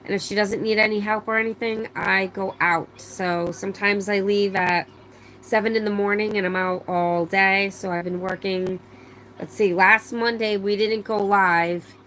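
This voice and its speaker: A middle-aged livestream host chats casually, reading viewer comments aloud in a rambling way with many fillers and restarts, her voice a little strained from laryngitis. It's mid-range, steady and fairly bright at a moderate pace, in a rough recording with slight hiss or hum.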